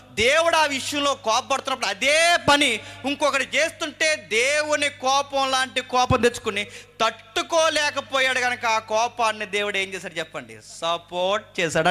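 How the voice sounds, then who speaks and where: A man's voice: very high-pitched, sharp tone. A male preacher with a Telugu accent giving an emphatic sermon, asking the congregation questions and repeating phrases for force.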